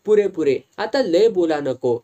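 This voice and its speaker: Reader doing a stern malvani village woman, firm and scolding, kinda dark low-key tone. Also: expressive, a little slow, highs cut off, close to an everyday voice. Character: stern middle-aged village woman, blunt and caring.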